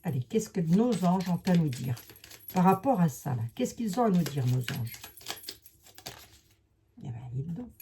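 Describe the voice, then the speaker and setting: A woman's voice: on the low side, expressive, measured pace, long pauses, mellow, a little hiss or hum. A woman with a Lorraine accent doing a rambling, chatty tarot and oracle card reading for her viewers, full of hesitations and asides. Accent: Lorraine French.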